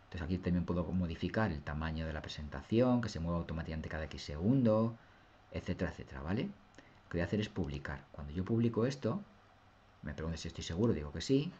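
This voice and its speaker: Male teacher, low voice, patient step-by-step explainer on a dull lo-fi mic. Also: animated, quick pace, warm tone, slight background noise. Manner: patient, step-by-step, often asks "¿lo veis?". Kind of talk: screen-recorded software tutorial.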